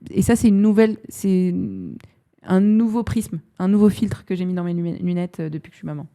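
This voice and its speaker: A woman's voice: mid-range voice, steady tone, a little fast, mellow. A woman in her thirties, an HR director guest on a podcast, talking reflectively and searching for her words. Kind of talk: casual podcast interview.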